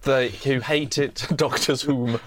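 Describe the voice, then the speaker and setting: A man's voice: mid-range voice, fairly even intonation, takes it slowly, a crowd in the background. A man co-hosting a casual podcast, teasing and joking with the guest. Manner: playful, teasing jokes. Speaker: podcast co-host.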